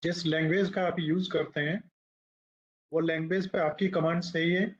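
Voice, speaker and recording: A man teaching a class, his voice sitting a little on the high side as he explains each point step by step and keeps asking his listeners questions. He pauses to write on the board as he goes. The recording is dull and lo-fi. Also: fairly even intonation, slight background noise. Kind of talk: classroom lecture.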